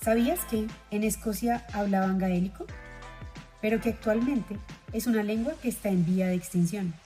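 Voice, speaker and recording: A woman's voice: mid-range voice, steady tone, normal speed, over music. A young woman hosting a podcast, telling a travel story in a chatty, friendly way and talking straight to her listeners. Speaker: podcast host.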